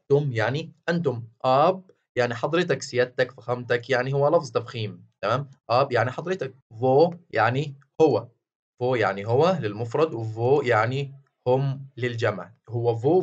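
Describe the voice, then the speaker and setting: A man with an Egyptian Arabic accent giving an online grammar lesson, patient and repetitive, often pausing to check that the listener follows. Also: mid-range voice, lo-fi sound. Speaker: language teacher.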